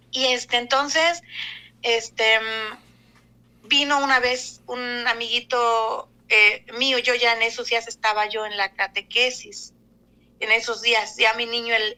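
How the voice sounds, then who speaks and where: A woman giving an emotional personal testimony, talking haltingly with many fillers and restarts. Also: on the high side, pushed and bright, rough recording. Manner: fearful, emotional retelling.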